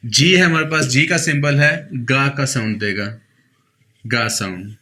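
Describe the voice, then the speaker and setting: Bright-voiced man teaching sounds. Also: mid-range voice, expressive. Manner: patient, repeats each sound slowly for the learner. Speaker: pronunciation teacher. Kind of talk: explaining a lesson.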